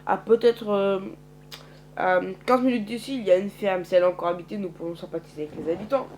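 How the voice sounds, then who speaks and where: A man's voice: high voice, fast talker, darkish tone, a little hiss or hum, close to an everyday voice. A man voicing a bossy survivor who gives curt orders in a homemade zombie story. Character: bossy male survivor who knows the town.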